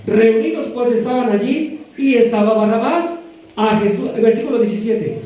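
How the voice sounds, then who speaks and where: A man preaching a sermon, reading scripture verses slowly and asking the congregation direct questions. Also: very high voice, warm tone, distant mic, a little hiss or hum. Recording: echoey hall, voice picked up from afar.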